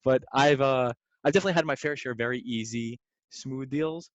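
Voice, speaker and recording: A young man, a real estate investor, telling stories in a casual podcast chat, slangy and lively, calling people "man" and "dude". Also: mid-range voice, fairly quick, dry recording. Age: young adult. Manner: animated, slangy, says "man" and "dude" often. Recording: dry, slightly dull sound.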